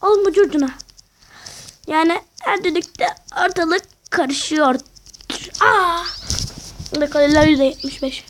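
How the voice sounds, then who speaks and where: High-pitched excitable woman gaming. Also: measured pace, pauses often, slight background noise. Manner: excitable, slangy, talks to herself. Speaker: gamer. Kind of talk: casual gameplay commentary.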